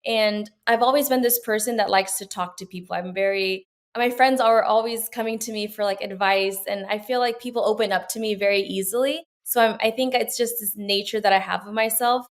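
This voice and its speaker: A woman's voice: medium pitch, fairly even intonation, fairly quick, hardly any pauses. A young woman from Peru, a medical student, answering interview questions in an earnest, reflective way with frequent fillers and restarts.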